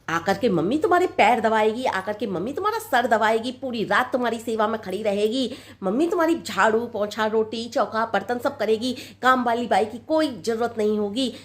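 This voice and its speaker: A woman playing a proud, sharp-tongued older mother-in-law who nags and scolds in a comic sketch. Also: on the high side, lightly acted. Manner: nagging, scolding, repetitive complaints.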